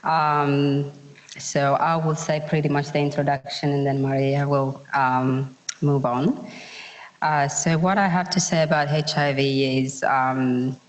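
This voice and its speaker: A woman from Eritrea addresses an audience as a community consultant, keeping her pitch quite flat. She halts and searches for her words as she goes. Her voice echoes with long reverb through a large hall. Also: a little slow. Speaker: community health consultant speaking on a panel. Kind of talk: speaking to an audience at an education event.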